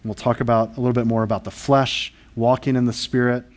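A man's voice: mid-range voice, little pitch movement, fairly quick. A male pastor preaching a sermon, earnest and emphatic, asking the congregation rhetorical questions.

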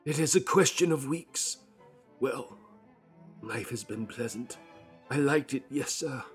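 A man voicing a doomed, shaken older doctor who talks in a loud, unsteady, pleading voice. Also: medium pitch, slow, soft background music, voice pushed up, lightly acted.

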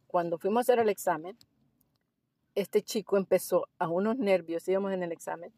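A woman's voice: mid-range voice, a little fast, dry recording. Chatty woman telling a driving story. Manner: animated storyteller, mixes English phrases into Spanish. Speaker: driving instructor. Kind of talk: casual storytelling interview.

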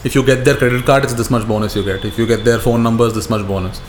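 Talking quickly in a steady, medium-pitched tone, this Indian-accented podcast co-host animatedly retells stories in casual chat. His language is slangy and profane, he repeats things for emphasis, and the recording has a roomy echo with faint background noise.

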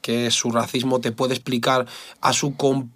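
Man, fighter guest, blunt casual talk, dry close sound, middle pitch. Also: little pitch movement, moderate pace, a bit bright, dry recording. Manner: candid and blunt, swears often, says "tío" and "¿sabes?" a lot. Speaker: MMA fighter, podcast guest.

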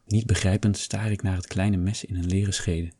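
Deep, husky male narrator. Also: steady tone, normal speed, warm tone, no echo, studio quality. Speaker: audiobook reader. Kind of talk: first-person novel narration.

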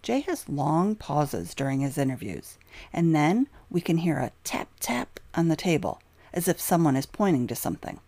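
Low-pitched woman narrator, emphatic scripted delivery, dry close sound. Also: very animated, normal speed, mellow, no echo. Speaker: true crime narrator.

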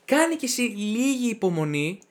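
A man's voice: sits high, big pitch swings. A young man co-hosting a podcast in casual chat, joking and teasing his partner. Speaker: podcast co-host.

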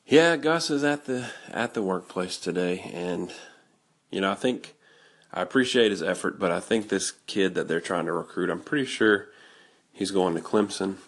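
A man hosting a casual podcast, talking in a nasal, raspy voice, rambling with fillers and restarts. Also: low voice, moderate pace, no echo. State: hoarse. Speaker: podcast host. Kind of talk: casual solo talk.

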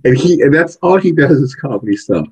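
A man co-hosting a podcast, chatting casually about a movie and retelling scenes in an animated, excitable way. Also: fairly high pitch, brisk, slightly rough, poor audio. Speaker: podcast co-host. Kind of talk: casual movie review chat.

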